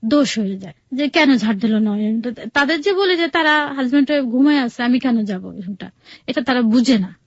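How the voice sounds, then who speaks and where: In a radio interview, a woman from Bangladesh, outside Sylhet, recounts her life story plainly and conversationally with a Bangladeshi Bengali accent, quoting dialogue as she goes. Her high voice is lively and brisk, and the recording is dry and lo-fi.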